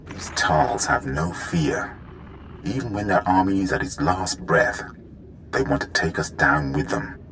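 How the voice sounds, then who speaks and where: An actor playing a formal, dignified alien military strategist in a video game, speaking in a measured, precise way. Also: male voice, extremely low pitch, a bit bright, slight background noise, exaggerated voice, rough recording. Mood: grave.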